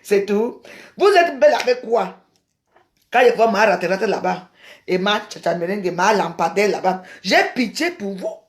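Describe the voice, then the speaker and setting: A woman's voice: medium pitch, expressive, moderate pace. A woman from Cameroon ranting on a livestream, scolding and mocking her rivals, often repeating herself. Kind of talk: heated livestream rant.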